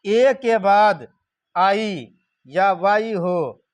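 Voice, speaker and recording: Guy teaching grammar real slow, high voice, keeps asking the class to repeat. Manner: call-and-response drilling, repeats questions to the class.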